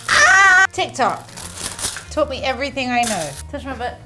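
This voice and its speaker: Female cooking host, tipsy and giggly, very animated delivery, rambling silly comedy over clear background music. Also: fairly high pitch, normal speed. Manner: silly wordplay and self-mocking. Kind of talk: casual comedic cooking demonstration.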